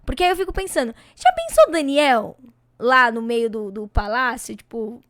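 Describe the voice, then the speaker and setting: A young woman in her twenties with a Brazilian accent, a podcast guest telling stories in an animated, preaching way with dramatic emphasis. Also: a little high, normal speed, no echo. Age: 20s. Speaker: podcast guest, singer and missionary. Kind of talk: casual podcast chat.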